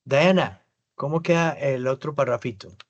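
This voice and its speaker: A man teaching an English class over a video call, explaining patiently and slowly modeling English words. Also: mid-range voice, dull audio. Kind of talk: online class feedback.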